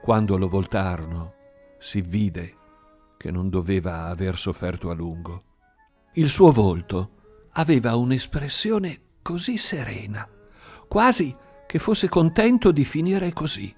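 A man reading a story aloud in an expressive, sing-song storytelling manner. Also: lowish voice, unhurried, slightly rough. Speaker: narrator. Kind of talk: audiobook reading. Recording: faint music behind.

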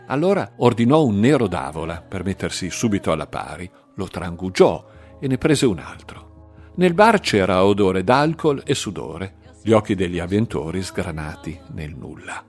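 A man narrating a novel in an expressive, varied reading. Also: on the low side. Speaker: audiobook narrator.

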